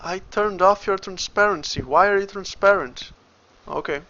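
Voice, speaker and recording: His voice is high, pushed and bright, at a moderate pace, on a muffled recording. A Brazilian game developer with a Brazilian Portuguese accent, he casually talks through his work on a livestream, thinking aloud and muttering each step to himself.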